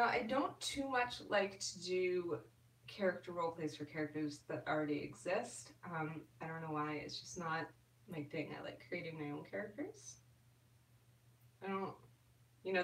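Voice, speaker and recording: A woman hosts a casual live stream, answering viewers' comments in a chatty, easygoing way full of little fillers. Her voice sits a little low. She sounds set back from the microphone in a roomy, echoing space. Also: moderate pace. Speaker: ASMR YouTuber answering live chat. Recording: roomy and distant from the mic.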